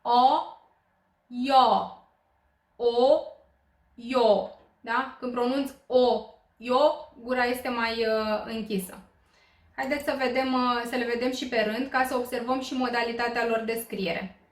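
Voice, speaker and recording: A woman from Romania leads a beginners' language lesson, patient and explanatory, often pausing on small fillers. Her voice sits slightly high. The sound carries a noticeable room echo. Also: fairly even intonation. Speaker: Korean language teacher. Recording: roomy echo.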